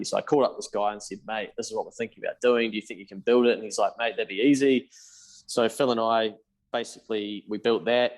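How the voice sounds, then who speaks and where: A man in his thirties with a New Zealand accent, a podcast guest telling his story candidly, swearing casually and acting out past conversations. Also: lowish voice. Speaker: podcast guest, accountant and business founder.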